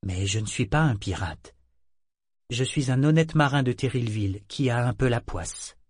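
A man's voice: mid-range voice, lively intonation, moderate pace, husky, no echo. A man reading the part of a friendly, unlucky sailor who talks reassuringly, in a dry, close sound. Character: friendly down-on-his-luck adult sailor. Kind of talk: audiobook character reading.

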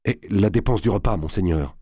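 A man's voice: low voice, brisk, mellow, slightly rough, no echo, studio quality. Man voicing a deferential castle keeper. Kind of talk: audiobook character voice.

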